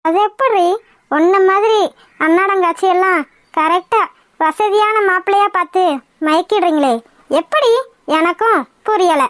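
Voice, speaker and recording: A sneering, haughty mother-in-law from a cartoon mocks in a sharp, very high register, performed by a woman. The sound is close and dry. Every line drips with contempt. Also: measured pace, pauses often, dry recording. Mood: scornful. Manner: taunting, sneering, mocking. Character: haughty scornful middle-aged mother-in-law. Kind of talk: cartoon voice acting.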